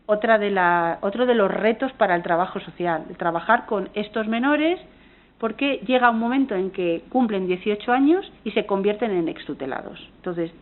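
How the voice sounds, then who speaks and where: A woman's voice: mid-range voice, normal speed. Earnest Spanish woman lecturing, tinny audio. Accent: Spanish from Spain. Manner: earnest, engaged, frequent restarts and self-corrections. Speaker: university lecturer. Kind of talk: academic conference talk.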